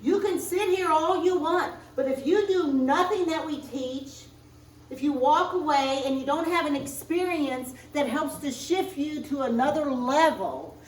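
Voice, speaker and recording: A woman minister preaching a sermon, speaking in slow, emphatic spiritual affirmations, recorded in a church sanctuary. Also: high voice. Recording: roomy distant church recording.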